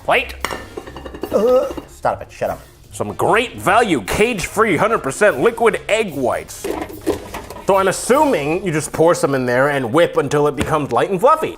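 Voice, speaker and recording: A man with a fairly high voice hosts a casual cooking demonstration over faint music. He rambles as he goes, dropping offhand, self-deprecating asides. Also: fairly bright tone. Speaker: host of a comedy cooking video.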